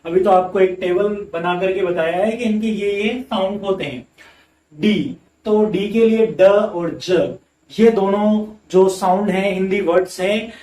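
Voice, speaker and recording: A man's voice: sits high, dark tone, reverberant, recorded from a distance. A man teaching English sounds step by step, asking questions and answering them himself. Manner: slow, explains step by step, asks and answers his own questions. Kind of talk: spoken English phonics lesson.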